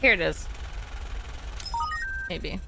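A woman's voice: lowish voice, animated, very slow, gravelly, background noise. A young woman giving casual game playthrough commentary into a close desk microphone at home. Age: young adult. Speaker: game streamer. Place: small home room, indoors. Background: game ambience.

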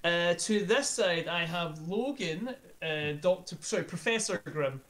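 A woman hosting a tabletop game stream as game master, chatty and quick with asides and laughter. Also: fairly low pitch, expressive. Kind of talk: casual stream intro.

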